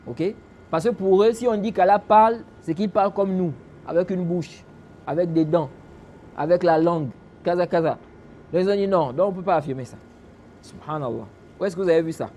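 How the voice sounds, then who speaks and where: A religious teacher gives a lesson in French, explaining a classical text, posing rhetorical questions and answering them himself, and reciting Arabic phrases as he goes. His voice is on the high side with a darkish tone, and there is slight background noise.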